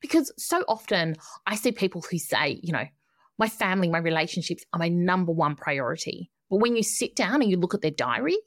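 A woman's voice: fairly low pitch, no room sound, studio quality. A woman podcast host delivering an upbeat, tidy advice monologue, instructive and emphatic, building points in repeated phrases. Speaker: podcast host giving productivity coaching.

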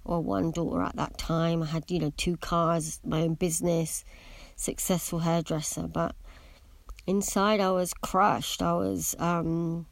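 A woman's voice: on the low side, little pitch movement, a little slow, creaky, no echo. A middle-aged woman who wears braces that slightly affect her pronunciation, sharing a candid, reflective personal monologue as a podcast host, in a hesitant, meandering way. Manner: speaking with braces, occasionally imprecise pronunciation.

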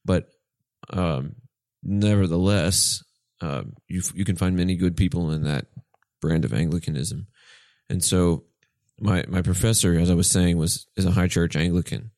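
A man's voice: low-pitched, normal speed, a little mellow, no echo, studio quality. A man in his twenties, co-hosting a casual podcast and earnestly telling his faith story with many restarts. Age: 20s. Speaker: podcast co-host. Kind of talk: casual chat about faith.

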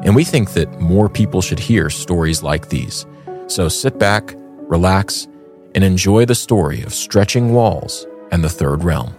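Male podcast host, low register, scripted storytelling with ornate conversational phrasing, music bed behind. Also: expressive, a little slow. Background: background music.

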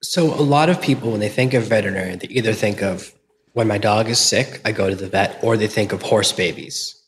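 A man's voice: on the low side, a little fast, long reverb tail, a little hiss or hum. A man hosting a podcast interview, enthusiastic and effusive in his welcome. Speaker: podcast host.

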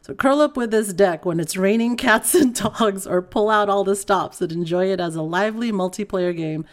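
A woman co-hosting a casual chat, animated and laughing often, who grew up in a Filipino bilingual household. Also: mid-range voice, normal speed. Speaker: podcast co-host.

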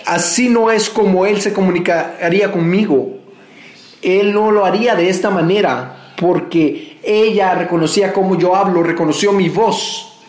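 Male pastor, high voice, earnest conversational sermon to his church. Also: moderate pace, reverberant. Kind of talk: church message.

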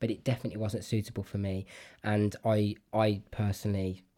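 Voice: low voice, little pitch movement, a little fast, mellow. Earnest podcast host thinking aloud. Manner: earnest, repeats words while thinking aloud. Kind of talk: casual podcast chat.

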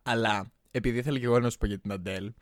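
A young Greek man co-hosting a casual chat, animated and laughing, slipping playfully into other languages. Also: medium pitch, no room sound, clean studio sound. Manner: animated, laughing, jumps into playful English and Spanish.

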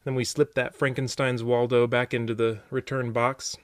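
A man's voice: mid-range voice, level tone, moderate pace, dry recording, clean studio sound. A man hosting a puzzle podcast in a conversational way with wry, jokey asides, recorded in a small closet. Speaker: podcast host. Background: music.

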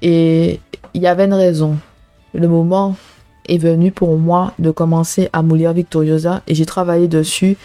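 This faith podcast is hosted by a woman in her thirties whose low, mellow voice addresses listeners in a relaxed, personal style. She often fills pauses with "euh" and "hein," and she sounds like she is preaching.

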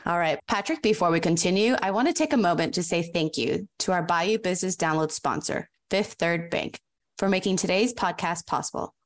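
A woman hosting a business podcast, asking questions and reading sponsor messages in an upbeat, steady way. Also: lowish voice, a little fast. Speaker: podcast host. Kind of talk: podcast interview and sponsor reads.

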